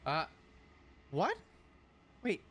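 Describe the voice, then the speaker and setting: High-pitched, animated male game streamer. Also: drawn-out words, slight background noise. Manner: excitable, repeats words in bursts. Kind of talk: live video game commentary to chat.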